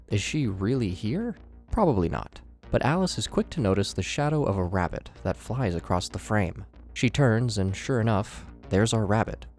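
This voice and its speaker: Speaking in a fairly low, darkish voice, a man presents a scripted horror commentary video as host and narrator. His delivery is theatrical, with wry asides, over background music.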